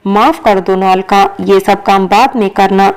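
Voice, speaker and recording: A woman voicing an apologetic male office boss in a storybook reading, speaking in a gentle, pleading way. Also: medium pitch, steady tone, a little slow, clean tone, lightly acted.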